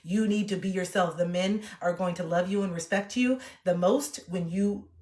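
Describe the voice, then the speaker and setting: Woman late 30s just chatting on stream, lively, kinda echoey room. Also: lowish voice, moderate pace. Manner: chatty, animated, reacts to chat. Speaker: livestreamer. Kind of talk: casual chat to a live chat.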